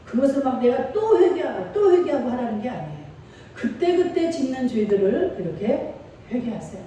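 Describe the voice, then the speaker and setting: A woman's voice: on the high side, big pitch swings, normal speed, mellow, highs cut off, slight background noise. A middle-aged woman pastor preaching a sermon with feeling and call-and-response. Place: church sanctuary. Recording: echoey church hall from far off.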